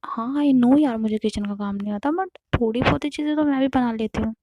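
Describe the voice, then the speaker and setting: A woman storyteller voicing a gentle young woman who keeps apologizing and coaxing her partner in a soft voice. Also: a little high, a little fast, no echo, close to an everyday voice. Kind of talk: storytelling role-play.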